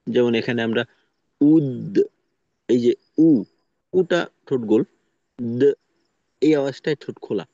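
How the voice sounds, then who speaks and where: A man teaching Quran recitation in an online lesson, explaining slowly and patiently with pauses. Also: medium pitch, warm tone, no room sound, muffled recording.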